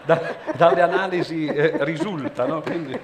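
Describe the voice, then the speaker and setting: A man's voice: a little high, moderate pace, crowd noise. Man, wry conversationalist, reverb from a big hall. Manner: wry, joking remarks. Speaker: conversation guest. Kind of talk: onstage conversation.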